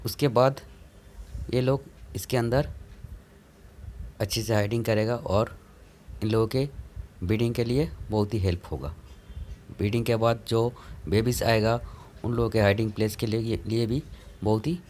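A man's voice: lowish voice, fairly even intonation, moderate pace, long pauses, darkish tone, slight background noise. A man hosting his channel, giving a plain step-by-step how-to narration about setting up a tank. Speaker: channel host.

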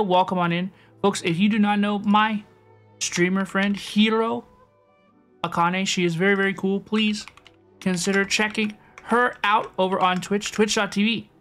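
A woman livestreams a video game, chatting casually with viewers and repeating her phrases often, with game music playing. Her voice is medium-pitched and a bit bright.

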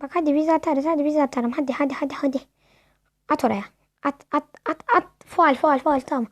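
Excitable high-voiced woman gaming. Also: a little fast, no echo. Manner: excitable, yells at the game and the referee. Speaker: gamer. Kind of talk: casual gameplay commentary.

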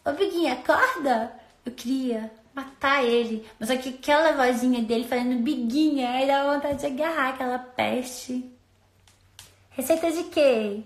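A high-voiced woman talks into her phone in a loose, chatty way, drifting from story to story with playful asides. The room around her rings with a clear echo. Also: normal speed. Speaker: social media influencer. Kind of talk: casual phone stories chat. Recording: roomy echo.

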